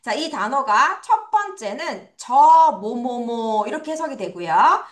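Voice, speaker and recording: A woman's voice: high-pitched, sing-song, measured pace. A woman teaching English vocabulary to children, drilling pronunciation with playful sound words. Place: academy classroom or studio. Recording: echoey room.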